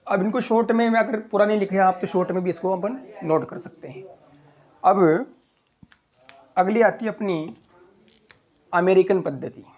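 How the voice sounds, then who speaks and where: Man, maths teacher, high-pitched, slow step-by-step explaining, classroom lesson. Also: darkish tone, lo-fi sound. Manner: slow, step-by-step counting of place values.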